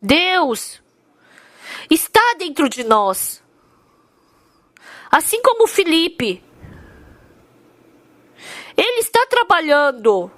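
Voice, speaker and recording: A woman's voice: very high voice, sing-song, extremely slow, long pauses, a bit bright, dry recording. A woman interpreting a sermon, telling its story earnestly and with emphasis.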